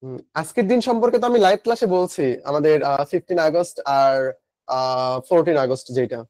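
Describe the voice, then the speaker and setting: A young man with a Bangladeshi Bengali accent runs a live online class in a high-pitched voice. He keeps things chatty, firing questions at the class and answering them himself between student comments. The sound is dry and close to the mic. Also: moderate pace, a little mellow, dry recording. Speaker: online admission-coaching teacher.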